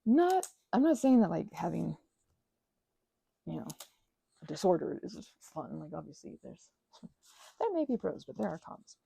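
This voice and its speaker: Over poor, dry audio, a young woman with a lowish, husky, warm voice and vocal fry chats very animatedly yet a little slowly, pausing often. She runs a craft and ASMR channel, and as she crafts she rambles casually, breaking off mid-thought, gushing, making fun of herself, and chasing tangents.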